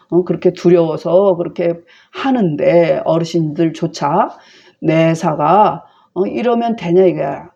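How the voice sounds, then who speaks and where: A woman lecturing on a classical text, explaining slowly and chattily with many fillers. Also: on the low side, vocal fry, mellow, dull audio.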